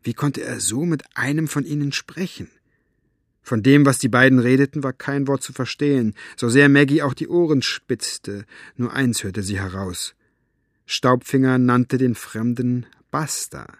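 A man narrating an audiobook in a measured, even storytelling manner. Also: mid-range voice, no echo, clean studio sound. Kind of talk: audiobook reading.

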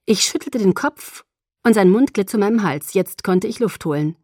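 A woman's voice: medium pitch, normal speed, dry recording. Woman narrating an audiobook, dry and close. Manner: expressive reading with acted dialogue. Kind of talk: first-person novel narration.

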